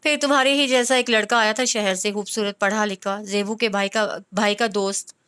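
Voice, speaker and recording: A woman's voice: medium pitch, fairly even intonation, fairly bright tone, clean tone, lightly acted. A woman voicing a shy young village girl who is hurt and tearful, in an audiobook reading. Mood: sad.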